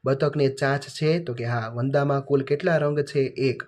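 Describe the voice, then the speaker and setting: A man teacher, reading out workbook answers to children in a flat, list-like way. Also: mid-range voice, normal speed.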